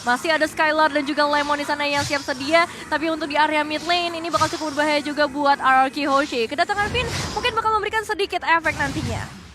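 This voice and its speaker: A woman's voice: high-pitched, fast. A woman giving live esports commentary on a game match as a caster.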